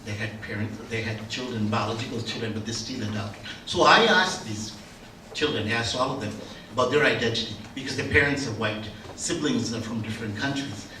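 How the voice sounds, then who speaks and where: Older male conference speaker, anecdotal and halting, in an echoey room with faint background hum. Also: mid-range voice, bright, forceful tone. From Bangladesh. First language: Bengali. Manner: conversational, anecdotal, with many restarts. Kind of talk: academic conference talk. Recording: roomy room, distant mic, faint ambience.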